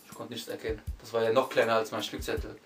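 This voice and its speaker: A young man, heard from a distance, mumbles his way through a slangy exam story. Music plays clearly behind him. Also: fairly low pitch, little pitch movement, quick pace, fairly bright tone. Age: young adult. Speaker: storyteller among friends. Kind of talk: casual slangy anecdote.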